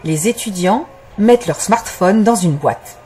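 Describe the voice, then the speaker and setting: A woman reading a scripted story for language learners as narrator, in a measured, carefully articulated way. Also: mid-range voice, animated, dark tone, husky.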